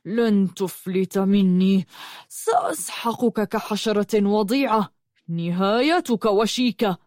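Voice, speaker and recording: A woman's voice: medium pitch, big pitch swings, measured pace, darkish tone, dry recording, studio quality. Barq, a sneering brutal horse-spirit villain voiced by a woman narrator. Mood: taunting. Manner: taunting, spiteful, through gritted teeth. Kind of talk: audiobook narration.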